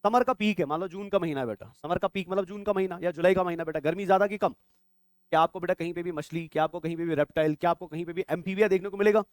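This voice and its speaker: A man's voice: high voice, very fast, no echo. A young adult man teaching biology for exam prep, constantly quizzing his students and calling them "beta". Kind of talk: exam-prep classroom lecture.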